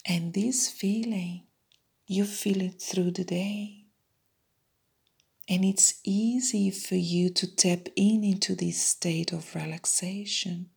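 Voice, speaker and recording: A woman guiding a hypnosis meditation in a soft unvoiced whisper, repeating soothing suggestions. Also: medium pitch, fairly even intonation, slow, vocal fry, husky. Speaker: meditation guide.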